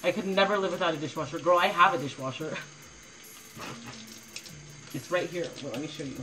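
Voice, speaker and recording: A woman's voice: lowish voice, brisk, sharp tone, a little hiss or hum, low-quality recording. A young woman chatting casually on a livestream from her kitchen into a phone, rambling with constant "like" fillers and blunt swearing.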